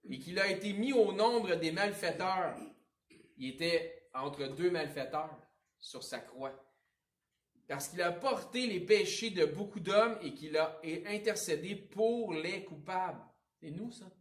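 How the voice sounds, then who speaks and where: A man with a Quebec French accent preaching a sermon as pastor, with a conversational style, informal asides and big swings between loud and quiet. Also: sits high, lively intonation, a little slow. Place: church sanctuary. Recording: roomy echo, voice picked up from a distance.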